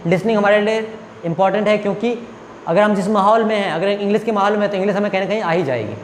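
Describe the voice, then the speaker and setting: A man's voice: high-pitched, very fast, roomy sound, in a large hall, slight background noise. A man whose first language is Hindi, teaching spoken English and explaining step by step, often checking that students follow. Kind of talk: classroom lecture.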